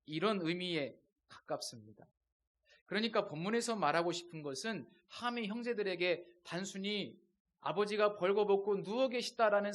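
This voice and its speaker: Male pastor with a high voice, delivering a sermon with measured pauses and hushed emphasis. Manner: measured preaching with dramatic pauses and dips in volume.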